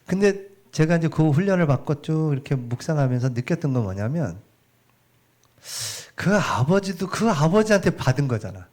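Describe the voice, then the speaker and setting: A middle-aged man preaching a sermon in a church, chatty and animated, asking the congregation questions as he goes. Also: on the high side, normal speed. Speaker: pastor. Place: church sanctuary.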